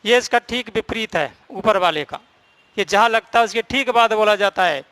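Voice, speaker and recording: Male teacher, high bright voice, dry close sound, step-by-step grammar explanation. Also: normal speed, dry recording. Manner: explains step by step, repeats and stresses key points. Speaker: Hindi teacher. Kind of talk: classroom grammar lesson.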